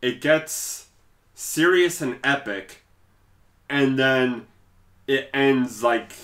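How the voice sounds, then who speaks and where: A man's voice: mid-range voice, drawn-out words, fairly bright tone. A man co-hosting a casual talk show, easygoing and explanatory, with a teasing streak. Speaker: podcast co-host. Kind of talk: casual chat.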